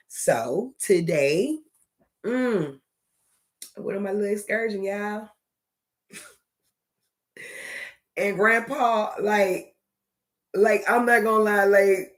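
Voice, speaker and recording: A woman casually telling a personal story about her ancestors, unhurried, with many fillers, laughs and trailing pauses. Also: mid-range voice. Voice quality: slow, drawn-out speech with many fillers. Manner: emotional, laughs and trails off, speaks to spirits. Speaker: vlogger.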